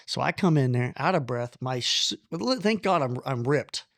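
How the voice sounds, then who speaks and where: A man telling a long personal story in casual conversation, animated, blunt and self-deprecating, with the odd curse word. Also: medium pitch, normal speed, no echo, clean studio sound. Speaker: podcast guest.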